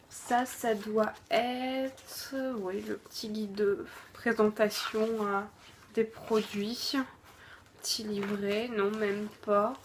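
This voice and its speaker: A woman's voice: mid-range voice, a little hiss or hum. A woman reviewing a food subscription box in casual chat, hesitant, with lots of fillers and self-corrections. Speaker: unboxing vlogger.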